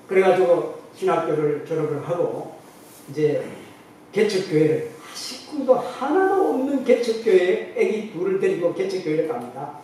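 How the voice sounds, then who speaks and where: A middle-aged man preaches a testimony sermon in a church, acting out the voices of the people in his story. His voice sits high and mellow. It is heard from a distance, with heavy hall echo and a faint hiss behind it. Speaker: pastor. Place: church sanctuary. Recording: very echoey hall, distant mic, faint noise.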